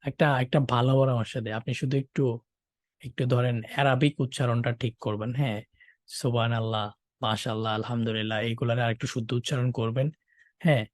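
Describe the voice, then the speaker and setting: A male teacher gives an online exam-prep lesson, joking and animated and often checking in with his listeners. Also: mid-range voice, brisk, no room sound, clean studio sound.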